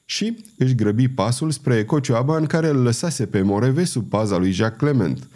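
Audiobook narrator, man, expressive and measured, dark warm timbre. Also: mid-range voice. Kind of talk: audiobook reading.

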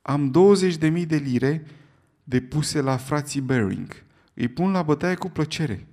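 A man voicing a calm, precise English gentleman who speaks in a cool, clipped, unflappable way in an audiobook reading. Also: fairly high pitch, voice pushed up. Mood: composed.

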